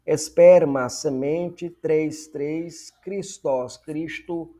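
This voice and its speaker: Slow, deliberate Brazilian man teaching Greek. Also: on the high side, steady tone, a little mellow. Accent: Brazilian Portuguese. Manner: slow, repeats each word, explaining pronunciation. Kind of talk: reading lesson.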